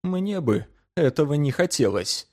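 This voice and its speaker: A man's voice: on the high side, sing-song, a little slow, pitched above the performer's own voice. A man voicing a cool, detached doctor. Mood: mildly reproachful. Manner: soft, mild-spoken, coolly detached. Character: calm indifferent middle-aged male doctor. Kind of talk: audiobook character voice.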